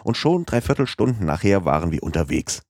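A talkative, excitable young French manservant, as a man puts him on, lifted a little higher than a plain reading voice. He chatters eagerly and proudly in a dry, close storybook reading. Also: a little fast, dry recording, exaggerated voice. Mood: chatty.

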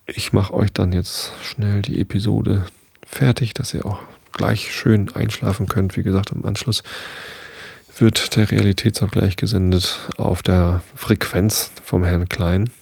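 Male podcast host, bedtime reader; deep, gravelly, dry close recording; casual asides, frequent self-corrections. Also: flat delivery, measured pace, darkish tone, dry recording. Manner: informal asides between passages. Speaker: podcast host reading aloud. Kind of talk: bedtime story reading for sleep.

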